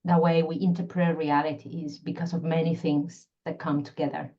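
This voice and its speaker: A woman's voice: low-pitched, flat delivery, normal speed, dark tone, muffled recording. A middle-aged woman from Peru with a Peruvian Spanish accent, explaining her work thoughtfully in a podcast interview, often searching for words. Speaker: guest, constellation facilitator and scientist.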